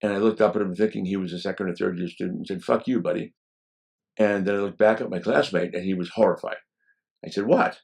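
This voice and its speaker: A man in his seventies speaks in a deep, low voice. He is a law professor looking back on his early years. He tells his stories in a relaxed, anecdotal way and often pauses on "um". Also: creaky. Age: 70s. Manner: relaxed and anecdotal, with frequent "um" fillers. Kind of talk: reminiscing interview storytelling.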